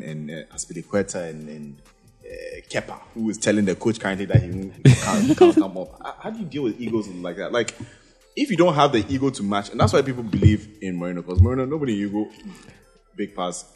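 A fairly low, husky-voiced man in a casual football debate, pressing his point with rhetorical questions and acted-out quotes. Faint music runs underneath. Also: expressive, fairly quick, a little mellow. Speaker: podcast co-host.

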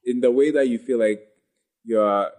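A man as a podcast guest talking casually, pausing to search for his words. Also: mid-range voice, darkish tone. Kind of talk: casual discussion.

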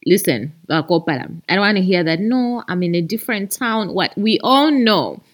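With a medium-pitched voice, lively intonation and a moderate pace, this Zambian-accented woman hosts a chatty podcast. She treats listeners like friends, speaking expressively through her monologue and announcements.

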